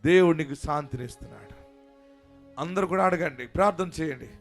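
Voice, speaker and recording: High-voiced fervent pastor leading prayer. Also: male voice, fairly quick, faint music behind. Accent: Telugu. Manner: fervent, calling out commands and prayers for the crowd to repeat.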